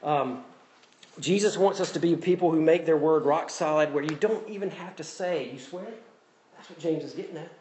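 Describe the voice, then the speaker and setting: A man's voice: fairly high pitch, a little fast, darkish tone, slight background noise. A man with a Southern US accent preaching a sermon as pastor, conversational and self-deprecating, repeating his key phrases. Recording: echoey room with faint ambience.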